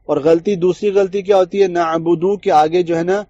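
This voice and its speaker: Dry, mellow-voiced male tajweed teacher. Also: sits high, steady tone, no room sound, muffled recording. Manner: explains mistakes, then models slow drawn-out recitation. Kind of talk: Quran recitation lesson.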